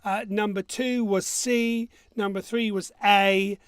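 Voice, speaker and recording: A high-pitched man hosts a casual quiz, reading out questions and answers. He has a missing front tooth and a joking, self-deprecating manner. The sound is close and dry. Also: steady tone, slow, clear, resonant tone, dry recording. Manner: jokey, self-mocking. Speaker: quiz host.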